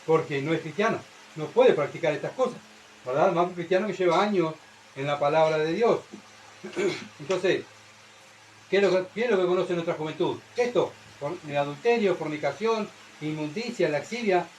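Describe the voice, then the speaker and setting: A man's voice: a little high, moderate pace, slight background noise, rough recording. A man with a Uruguayan Spanish accent preaching a sermon in church, who keeps asking the congregation rhetorical questions and checking with "¿verdad?".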